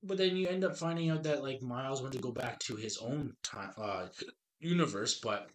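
A man's voice: medium pitch, normal speed, crowd noise. A man in his thirties hosting a casual movie review chat, talking eagerly in a rambling way with frequent restarts. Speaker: podcast host.

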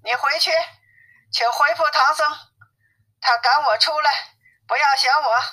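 A cocky male monkey king from an old storybook, brisk and offhand, voiced by a woman narrator. The voice sits fairly high and sounds bright and forceful. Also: low-quality recording. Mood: proud. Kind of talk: audiobook story reading.

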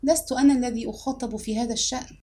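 A curt, impatient young woman brushing off a suitor, as a woman reads her. Her voice sits fairly high and sounds warm and dark. She speaks in short, annoyed lines, as in an audiobook. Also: fairly even intonation, very fast, natural voice. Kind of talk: audiobook reading.

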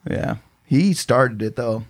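A man's voice: mid-range voice, animated, takes it slowly. Rambling storytelling guy. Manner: rambling, lots of "like" fillers, swears. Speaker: podcast co-host. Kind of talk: casual storytelling chat.

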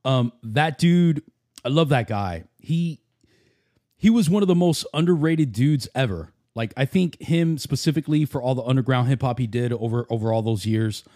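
A man's voice: medium pitch, normal speed, mellow, no room sound, clean studio sound. A man chatting casually like a frat bro, full of slang and swearing. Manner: frat-bro slang, says bro and dude often. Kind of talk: casual hype chat.

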